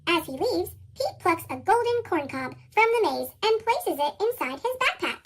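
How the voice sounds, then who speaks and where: Sped up and pitched very high like a chipmunk, this American woman's voice is extremely animated as she reads a storybook to young children. The scripted narration moves at a moderate pace.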